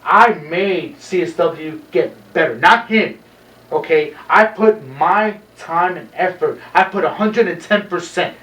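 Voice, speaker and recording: A brash man talks up his own wrestling wins, slipping Spanish words in between English. His voice sits a little high. The sound is echoey and distant, with faint background noise. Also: a little slow, few pauses, a bit bright. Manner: brash, mixes in Spanish phrases. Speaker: wrestler and co-host. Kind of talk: boastful wrestling promo chat.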